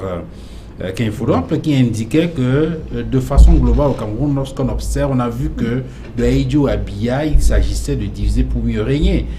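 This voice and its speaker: A man moderating a panel debate in a TV studio, building long questions full of hesitations. His voice is mellow and mid-pitched, with faint background noise. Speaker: TV debate host.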